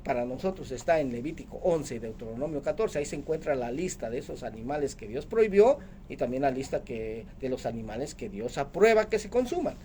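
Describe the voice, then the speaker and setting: A man's voice: medium pitch, very animated, fairly quick, hardly any pauses, mellow, a little hiss or hum. A man preaching a radio sermon as the program's host, emphatic, asking rhetorical questions and calling listeners brother.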